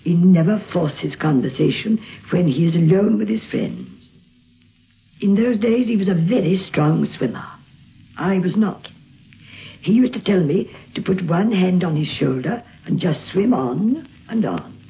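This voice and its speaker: Gravelly-voiced woman recalling gently. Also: lowish voice, animated, a little slow. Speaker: interviewee recalling a friend. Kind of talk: spoken reminiscence. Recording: dull archival recording with faint hiss.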